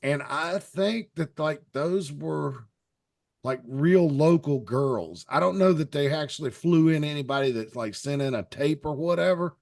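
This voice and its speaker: A man with a gravelly, fry-heavy voice talking casually on a podcast panel. His pitch sits slightly high for a man. He rambles and hesitates, with frequent fillers. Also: lively intonation, a little slow, darkish tone. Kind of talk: casual chat.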